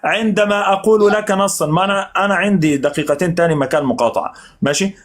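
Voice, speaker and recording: A man's voice: sits high, fast. A man in a heated online debate, commanding and telling his opponent to stop interrupting. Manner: commanding, tells the other to calm down and stop interrupting.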